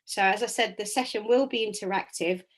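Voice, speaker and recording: A woman hosting a live wellbeing workshop online speaks fairly quickly in a mid-range voice that's slightly raspy today. She's direct and conversational, often restarting sentences and saying um.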